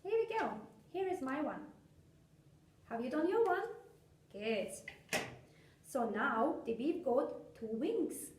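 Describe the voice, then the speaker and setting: A woman with presents a craft for small children like a bright children's entertainer. Her pitch swings widely in a sing-song, encouraging way. She is picked up from a distance in a room with some background noise. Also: big pitch swings, takes it slowly, pauses often, roomy sound. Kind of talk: step-by-step craft demonstration for young children. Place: indoor craft room, seated at a table.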